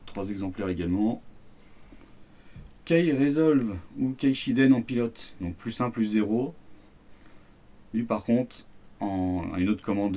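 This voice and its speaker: A man's voice: lowish voice, warm tone, lo-fi sound. A man with a French accent, casually presenting the cards of a starter deck, rambling with fillers and slang. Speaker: card game YouTuber. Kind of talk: casual deck unboxing commentary.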